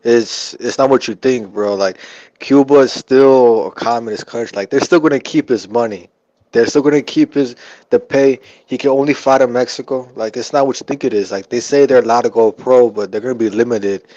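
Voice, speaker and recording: A man's voice: mid-range voice, fairly quick, dark tone, dry recording. A man chatting loosely about boxing over a remote call whose connection keeps breaking up and turning choppy. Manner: loose, slangy, rambling. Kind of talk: casual boxing chat. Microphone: remote call audio. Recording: dull lo-fi remote call line.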